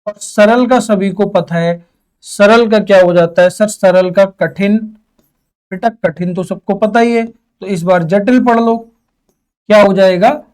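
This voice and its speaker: Brief: young male teacher, high voice, quizzes the class and answers in students' voices, drags out key words. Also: unhurried, a little mellow. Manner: asks questions and answers them in students' voices. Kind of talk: exam-prep Hindi lesson.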